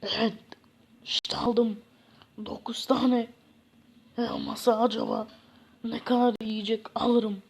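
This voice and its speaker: A gloomy poor man who sighs and moans about his lot, voiced by a woman, talking slowly in a husky, fairly high voice. He drags his words out in a whiny drone. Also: little pitch movement, darkish tone, exaggerated voice. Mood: gloomy complaining.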